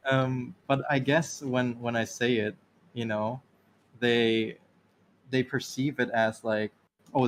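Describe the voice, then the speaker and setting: Laughing a lot as he wanders from one anecdote to the next, this stream co-host, an Ireland-based man with a Taiwanese accent, keeps things relaxed and chatty. He speaks at a medium pitch over slight background noise.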